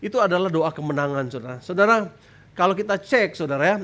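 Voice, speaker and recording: Pastor, male, high voice, emphatic sermon with sudden prayerful cries. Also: quick pace, fairly bright tone. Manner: emphatic preaching, often tags lines with "saudara"; voice jumps high when crying out prayers. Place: church stage.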